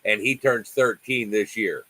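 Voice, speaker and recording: A man's voice: fairly low pitch, measured pace, sharp tone, poor audio. A man in his sixties hosting a casual livestream chat from home on a video call, talking in a friendly, rambling way with many restarts. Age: 60s. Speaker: livestream host.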